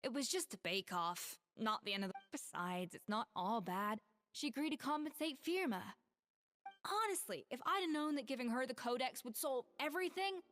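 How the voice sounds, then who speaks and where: An actress playing a self-assured young woman head chef in a video game, measured, firm and slightly wry. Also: sits high, fairly bright tone.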